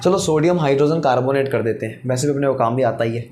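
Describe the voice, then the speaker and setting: A man's voice: medium pitch, fast talker, darkish tone, a little hiss or hum. A man teaching chemistry in a classroom-style lecture. He asks questions, answers them himself, and repeats each step.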